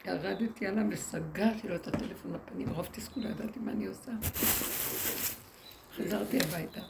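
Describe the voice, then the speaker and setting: A woman's voice: mid-range voice, vocal fry. A woman speaking as a rebbetzin to a women's group, telling stories animatedly and acting out the people she quotes, recorded live in a noisy room. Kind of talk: storytelling talk to an audience.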